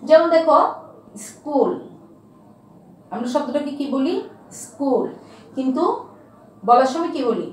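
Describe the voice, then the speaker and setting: A woman with a high voice teaches a grammar lesson, asking her students questions and answering them herself. She repeats key terms slowly. The recording is very echoey, with the voice far from the microphone. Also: lively intonation, darkish tone, slight background noise. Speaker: school teacher.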